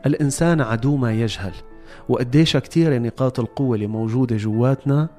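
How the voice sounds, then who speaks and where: A man's voice: medium pitch, fast, dark tone, soft background music. A man with a Levantine Arabic accent hosting a motivational explainer, speaking directly to listeners in an instructive, emphatic way. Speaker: host of a self-help series.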